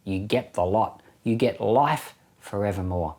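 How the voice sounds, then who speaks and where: With a lowish, darkish voice and a measured pace, a middle-aged pastor who runs a Bible podcast shares informal commentary. His explanations are conversational, punctuated by phrases he repeats for emphasis.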